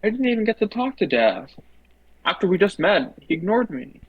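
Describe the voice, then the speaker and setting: A man's voice: high-pitched, very animated, moderate pace, slightly rough, dull audio. A man chatting casually as a player in a tabletop role-playing game. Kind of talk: casual chat during a game.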